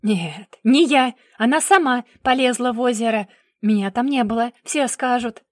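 A woman's voice: on the high side, moderate pace, dry recording, clean studio sound, pitched above the performer's own voice, natural voice. A woman doing a cornered, raging young man. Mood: angry, defensive. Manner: shouting denials. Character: angry cornered young man, violent brother.

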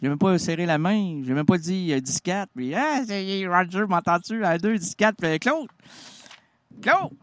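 A man with a Québécois accent doing an absurd comic radio monologue, excitable and rambling, stumbling over words as his pitch swings wildly. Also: a little slow, dry recording, clean studio sound. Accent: Québécois French.

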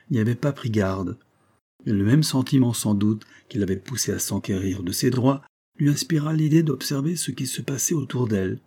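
Husky, dark-voiced man narrating a novel. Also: medium pitch. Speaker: audiobook reader. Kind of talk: literary narration.

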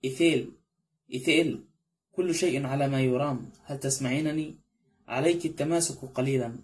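In an audiobook, a man reads a nervous middle-aged butler who pleads and insists he knew nothing. The voice stays close to a plain reading voice, dark and mellow. He speaks quickly. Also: medium pitch, lightly acted. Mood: pleading. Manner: pleading, swearing his innocence.

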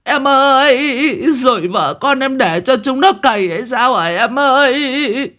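A man's voice: high voice, animated, normal speed, pitched above the performer's own voice. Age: middle-aged. Figure: wailing village woman as a man puts her on. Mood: wailing lament. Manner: sing-song lamenting wail, stretched out.

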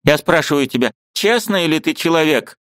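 A man reading an audiobook and voicing a fussy, bustling old aunt who talks in a brisk, scolding, chattering way. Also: a little high, lively intonation, fairly bright tone, no room sound, voice pushed up.

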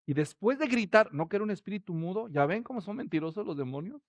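A man preaching a sermon, expressive and rising to loud, emphatic quotes. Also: sits high, fast, no echo, highs cut off.

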